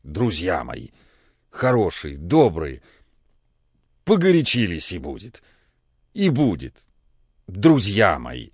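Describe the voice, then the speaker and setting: A man's voice: sits low, huge pitch swings, slow pace, pauses often, slightly rough, dry recording, pitched below the performer's own voice, exaggerated voice. A man voicing an older, pompous doctor whose voice trembles with feeling. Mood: soothing. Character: older male doctor, pompous, hot-tempered, kindly. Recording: dull, dry lo-fi recording.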